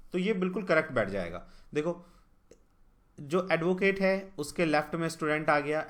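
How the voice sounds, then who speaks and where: A man teaching exam reasoning questions, often asking the students whether they follow and reading the English question text slowly. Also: fairly high pitch. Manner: spells out letters one by one while writing. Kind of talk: explaining reasoning questions at a board.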